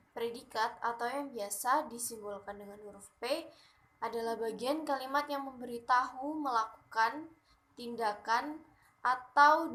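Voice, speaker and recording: A woman's voice: fairly high pitch, a bit bright. Young woman reading a class presentation. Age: young adult. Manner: careful, read-aloud delivery with definitions. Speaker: university student presenting.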